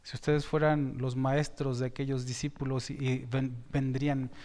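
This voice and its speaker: A man preaching a sermon as a pastor, slow and emphatic, with sudden rises in volume and frequent self-corrections. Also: mid-range voice, flat delivery, a little mellow. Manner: repeats and corrects himself mid-sentence. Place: church sanctuary. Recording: long reverb in a church hall.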